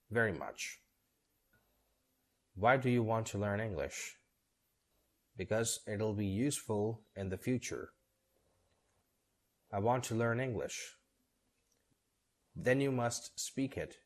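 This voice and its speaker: A man reading both parts of short scripted dialogues for English learners, steady and measured. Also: on the low side.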